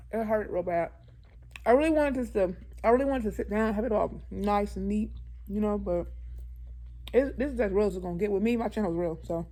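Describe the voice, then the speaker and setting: A woman's voice: mid-range voice, darkish tone. Young woman vlogger, chatty and candid, calls her viewers y'all. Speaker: YouTuber. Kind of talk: casual storytime vlog.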